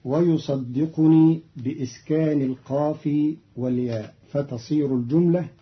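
Slow, measured male scholar explaining readings. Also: fairly high pitch. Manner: measured, carefully enunciated, quotes verses in a reciting tone. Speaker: scholar introducing a recitation. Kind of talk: scripted explanatory lecture. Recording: dull lo-fi archival recording.

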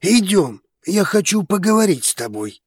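A possessive dragon man, voiced by a male reader, holds back his temper in short, tense phrases pitched a little above the reader's own voice. His tone has a husky edge. The recording is close and dry. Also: sing-song, moderate pace, no echo, exaggerated voice. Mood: restrained insistence. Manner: tense, clipped, growling.

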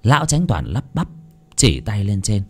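A man narrating an audiobook story in a dramatic, expressive way. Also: on the low side, moderate pace, slightly rough.

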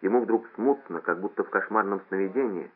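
A man reading a novel aloud in a steady, measured narration. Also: fairly low pitch. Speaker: audiobook reader. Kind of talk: scripted narration. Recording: lo-fi phone-like audio.

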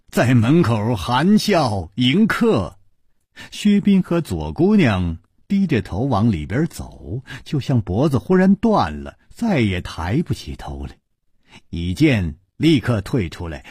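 A man telling a martial arts tale in dramatic long-form storytelling style, swooping and deliberate. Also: lowish voice, darkish tone, breathy edge, no echo, studio quality.

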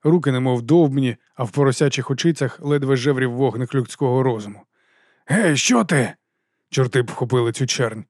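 An audiobook narrator, a man with a medium-pitched voice, reads a novel in a measured, expressive way. The scripted narration is recorded dry, with clean studio sound.

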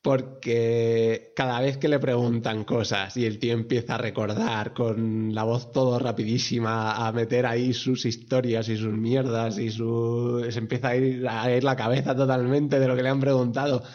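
A man in a casual voice message, animated, laughing often and swearing freely. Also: mid-range voice, moderate pace, hardly any pauses. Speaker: listener sending an audio message. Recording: dull lo-fi audio.

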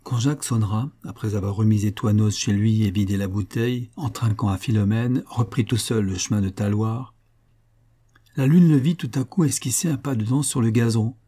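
A man narrating a classic short story in a calm, even storytelling manner. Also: fairly low pitch, moderate pace. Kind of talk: scripted audiobook narration.

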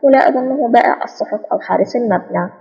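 A woman's voice: mid-range voice, steady tone, fast, vocal fry, warm tone, husky, long reverb tail, muffled recording. A woman reading the lines of a cool, sarcastic male secret agent in an audiobook. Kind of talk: audiobook spy novel reading.

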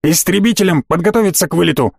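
A man's voice: high-pitched, quick pace, vocal fry, slightly rough, no echo, clean studio sound, exaggerated voice. A man reading the part of a stern male space fleet commander who gives curt, barked orders. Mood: commanding.

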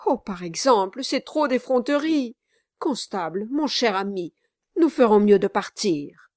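A woman's voice: medium pitch, expressive, a little slow, darkish tone, no room sound, studio quality, close to an everyday voice. A woman reading an audiobook aloud, voicing a scheming, sly male lawyer with an unctuous, sneering manner. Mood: indignant denial. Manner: unctuous, mock-sorrowful, sneering.

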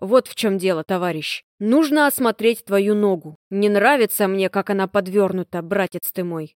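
A woman reading the part of a big, jovial, kindly man who jokes and shows gentle concern. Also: mid-range voice, moderate pace, no echo, clean studio sound, lightly acted. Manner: cheerful bantering, softening to gentle concern.

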